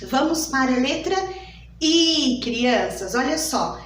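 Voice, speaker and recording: A woman teaches a phonics lesson for young children, stretching every word out slowly. Her voice sits high and swoops up and down in a sing-song way. It is recorded from a distance in an echoey room. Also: animated, slight background noise.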